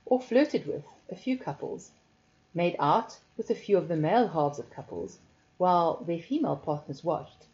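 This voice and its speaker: Woman narrator, lowish warm voice, soft and measured first-person storytelling, slightly muffled recording. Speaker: audiobook narrator.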